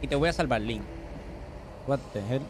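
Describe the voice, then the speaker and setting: A man's voice: medium pitch, expressive, moderate pace, background noise. A man giving live gameplay commentary as a streamer, joking, tossing in English words and yelping when startled. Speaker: gaming streamer.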